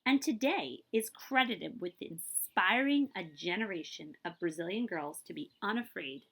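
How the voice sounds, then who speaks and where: Reading a picture book to kids with lively, emphatic storytelling, this woman sounds like a story-time librarian. She speaks on the low side at a moderate pace.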